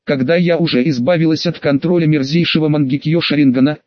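A man's voice: on the high side, fairly even intonation, fast talker, no room sound, dull audio, lightly acted. A man reading an audiobook, voicing a spiteful ancient female fox demon who snarls with contempt. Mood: scornful.

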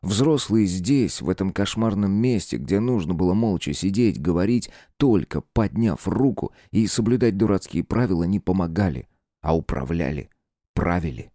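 A man giving a measured, expressive scripted narration of a horror story as an audiobook reader. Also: low-pitched, no echo, studio quality.

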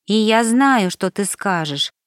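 A woman reading a first-person audiobook in a measured, expressive storytelling manner. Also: mid-range voice, clear, resonant tone, dry recording, studio quality. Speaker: audiobook narrator. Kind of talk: audiobook narration.

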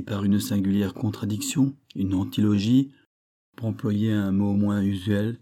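A pompous middle-aged animal dealer holds forth in grand, declamatory sentences, savoring rare words, as a man reading a storybook puts him on. The voice is very dark and mellow, lifted a little higher than plain narration, with a lively rise and fall. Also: lightly acted. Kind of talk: audiobook character reading.

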